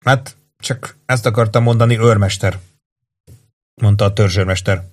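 A man reading an audiobook voices a young male staff sergeant who speaks in a halting, agitated way. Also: on the low side, fairly even intonation, natural voice. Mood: shaken.

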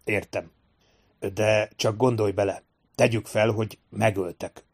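A seasoned manhunter with a fairly low voice, speaking gently and evenly with quiet, measured assurance, as a male reader puts him on. He sounds firm and unhurried, a storybook figure who never needs to raise his voice. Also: steady tone, creaky, slightly rough.

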